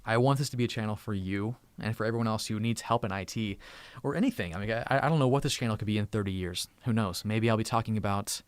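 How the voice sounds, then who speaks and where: A man in his thirties hosts a tech channel live stream from a room at home, chatting casually with viewers and thanking them, often restarting and repeating words. His lowish voice moves fast and smoothly, with no echo.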